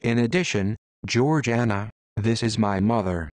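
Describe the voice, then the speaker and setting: A man's voice: lowish voice, a little slow, a little mellow, dry recording, natural voice. A man reading aloud and voicing a frightened small orphan boy in a timid, pleading way.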